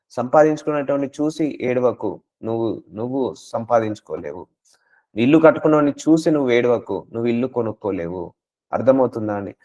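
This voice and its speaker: A man preaches to his congregation with a mid-pitched voice, pressing his point through rhetorical questions and now and then slipping into English words. The recording has a dull, muffled, lo-fi sound. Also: a little mellow. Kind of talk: sermon.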